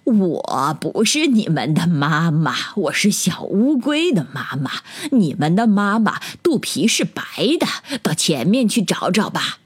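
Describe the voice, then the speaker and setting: A woman voicing a calm mother turtle in a storybook, speaking slowly and steadily in a slightly lower voice. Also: husky, heavily acted.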